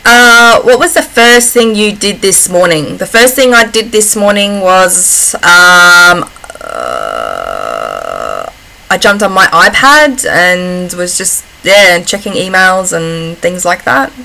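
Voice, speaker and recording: A woman's voice: on the low side, very animated, takes it slowly, creaky, bright, forceful tone, slight background noise, poor audio. An Australian woman chatting casually as she answers personal questions in a vlog, often breaking off and restarting in a giggly, informal way. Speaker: vlogger.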